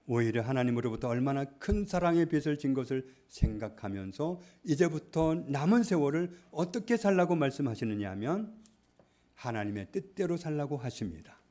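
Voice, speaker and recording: A male pastor preaching a sermon, stressing points loudly and then dropping to hushed asides. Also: medium pitch, sing-song, moderate pace. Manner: emphatic, swings between loud stresses and hushed asides. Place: church.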